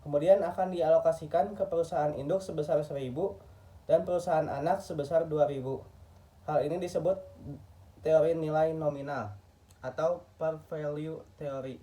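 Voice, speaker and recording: Muffled audio from a far-off mic captures a man from Indonesia reading a scripted lecture like a textbook, sometimes stumbling on a word. His voice sits a little high with a dark tone.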